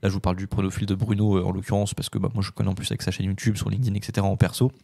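Low gravelly-voiced man. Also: level tone, rapid-fire, mellow, no echo. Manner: rambling, many filler words. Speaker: podcast co-host. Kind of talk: casual podcast chat.

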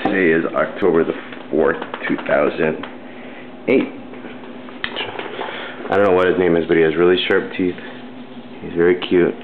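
A man's voice: sits low, fairly even intonation, normal speed, long pauses. A man filming a home video with a camcorder, talking playfully and coaxing a child; the sound is old camcorder audio. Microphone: built-in camcorder mic. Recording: tinny lo-fi camcorder audio with hiss.

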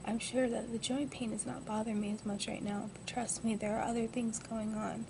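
Here the twenty-year-old vlogger, lying in her hospital bed, talks a little fast in a slightly high, gravelly voice with an even tone. She sounds groggy and subdued, speaking close to her device's built-in mic, and the webcam audio is noisy and amateurish.

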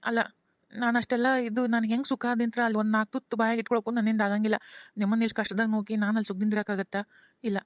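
A woman's voice: a little high, no echo, studio quality, close to an everyday voice. A woman voicing an earnest, guilt-ridden young son with a North Karnataka accent, pleading with his parents in a cartoon. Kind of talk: cartoon voice acting.

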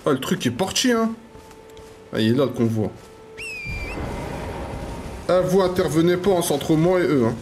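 A man giving live gameplay commentary, slangy and excitable, swearing and trash-talking enemies and repeating phrases. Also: fairly high pitch, moderate pace, long pauses, soft background music. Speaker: gaming YouTuber.

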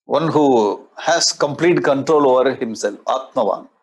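A man in his sixties with a South Indian accent and a husky voice, lecturing on scripture as a spiritual teacher in a conversational way, often repeating phrases. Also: mid-range voice, a little slow, rough recording. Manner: conversational, repeats phrases, explains with everyday examples. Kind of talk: lecture explaining Sanskrit scripture. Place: indoor studio in front of a display board. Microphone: lapel mic.

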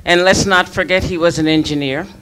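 Bright-voiced earnest woman in the audience. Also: fairly low pitch, steady tone, a little fast, slight background noise, rough recording. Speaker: audience member commenting. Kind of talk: comment from the audience.

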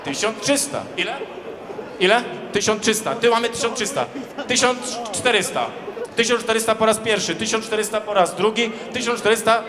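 A man's voice: high-pitched, moderate pace. A man working as an auctioneer, calling bids in a repetitive chant over a hall PA. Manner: auctioneer's chant, repeated bid calls. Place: large indoor sports hall, on stage. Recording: echoey hall PA with crowd noise.

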